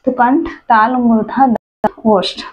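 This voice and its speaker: Woman teacher, slow and deliberate, reciting letters one by one in a dull lo-fi recording. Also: fairly high pitch, steady tone, breathy edge. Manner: asks questions then answers them herself. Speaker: Hindi grammar teacher. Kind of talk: exam-prep lesson.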